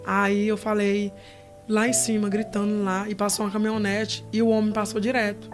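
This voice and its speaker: A woman's voice: mid-range voice, completely flat delivery, normal speed, music in the background. A woman giving an earnest, vivid testimony as an interview guest. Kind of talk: emotional testimony.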